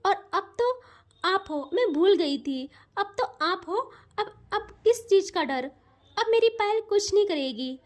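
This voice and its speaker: A woman's voice: very high voice, animated, unhurried. A woman voicing a tearful, loving middle-aged mother who speaks tenderly in a story. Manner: tender, softly pleading.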